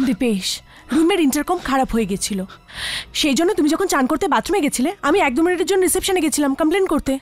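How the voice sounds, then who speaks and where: An actress playing an affectionate young wife in a dubbed TV horror drama, soothing and reassuring. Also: female voice, sits high, expressive, fast, faint music behind.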